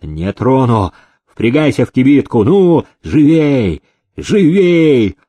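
A man voicing a domineering old factory owner who shouts slow, drawn-out threats. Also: mid-range voice, big pitch swings, slightly rough, no echo, exaggerated voice.

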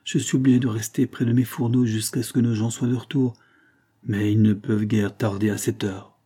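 A man's voice: on the low side, level tone, fairly quick, husky. A man reading a novel aloud, voicing a big, kindly peasant charcoal-burner who speaks plainly and sighs. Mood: gentle, rueful. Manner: plain-spoken, gentle, sighing. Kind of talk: audiobook reading.

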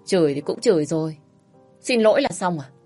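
A woman's voice: fairly low pitch, fairly quick, faint music behind. A woman voicing a cold, dry-spoken man. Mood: cool mocking. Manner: calm, dry, curt, mocking. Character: cool, aloof, protective wealthy man.

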